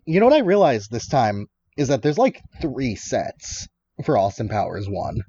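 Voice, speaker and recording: Man, podcast co-host, husky voice, dull lo-fi recording, quick laughing interjections. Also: mid-range voice, very animated, dark tone. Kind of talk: casual film discussion.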